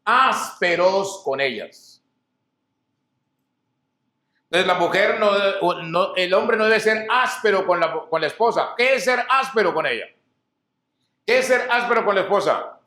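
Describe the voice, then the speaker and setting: A man's voice: high-pitched, lively intonation, measured pace, long pauses, pushed and bright. A middle-aged man, a pastor preaching a sermon, who asks the congregation rhetorical questions, answers them himself and repeats key phrases. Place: church hall. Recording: roomy church hall echo.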